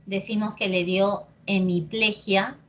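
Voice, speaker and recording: A woman with a Peruvian accent gives a lesson at an unhurried pace. She is patient and repeats key words slowly for emphasis. She often stops to check that her listeners follow. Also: medium pitch, expressive. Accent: Peruvian Spanish. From Peru. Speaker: pre-university Spanish teacher. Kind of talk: classroom lesson on accent marks.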